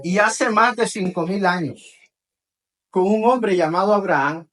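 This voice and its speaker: High-voiced preacher. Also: male voice, unhurried, a bit bright. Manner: leads call-and-response, tags phrases with "¿verdad?". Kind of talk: teaching sermon to a congregation.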